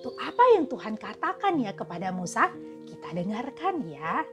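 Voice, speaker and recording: A woman, a Sunday school teacher telling a Bible story to children in an animated, exaggerated way. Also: a little high, moderate pace, music in the background.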